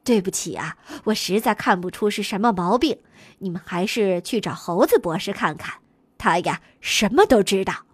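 A woman voicing a puzzled old male goat doctor who mutters slowly and apologizes in a storybook. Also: mid-range voice, expressive, slightly rough, no room sound, pitched below the performer's own voice. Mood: apologetic.

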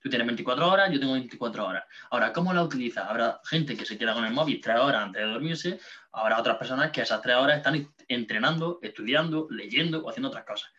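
A late-teen man talks quickly and earnestly, handing out advice and dropping the odd curse. His voice sits at an everyday pitch and comes through dull and lo-fi. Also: bright, forceful tone. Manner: earnest, advice-giving, swears casually. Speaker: podcast co-host. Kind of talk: casual chat. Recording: dull lo-fi sound.

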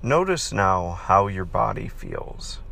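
A man leading a guided meditation, reading aloud in a calm, soothing, unhurried way. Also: fairly low pitch, vocal fry. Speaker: podcast host and counselor leading guided meditation.

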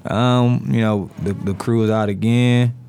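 A man's voice: mid-range voice, steady tone, a little slow, creaky, mellow, a little hiss or hum. A man with a Detroit-area American accent co-hosting a podcast in casual banter, joking, laughing often and trailing off. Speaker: podcast co-host. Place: podcast studio.

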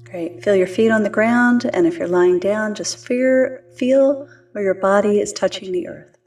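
A woman gently and soothingly guiding a calm, grounding meditation exercise as a host, in an unhurried way. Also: medium pitch, distant mic. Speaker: host of a wellness podcast.

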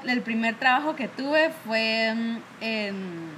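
A young woman, casually telling animated stories about bad bosses and peppering them with "¿verdad?". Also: a little high, slow, slight background noise. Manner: animated storytelling, acts out her bosses' scolding; frequent fillers like "¿verdad?" and "va". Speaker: guest telling work stories. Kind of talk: casual chat.

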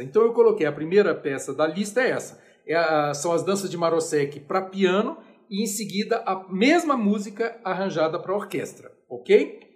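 High-voiced with a darkish tone, a Brazilian man talks through an informal, chatty music lecture in a Brazilian Portuguese accent. He's self-deprecating and sings the note names out loud.

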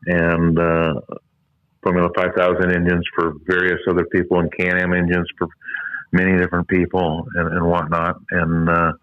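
A man's voice: low voice, completely flat delivery, moderate pace, no room sound. An older man in his seventies, a retired engine builder, recalls his career over a bad phone connection that sounds glitchy and muffled. He rambles with many fillers and trailing asides. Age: 70s. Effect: muffled glitchy phone line from a bad connection. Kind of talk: phone interview recollection. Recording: dull lo-fi phone call audio.

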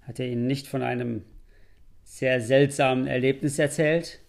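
A man reading aloud, voicing an embarrassed count who tells his story earnestly, with a gravelly voice. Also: medium pitch, steady tone, normal speed, close to an everyday voice.

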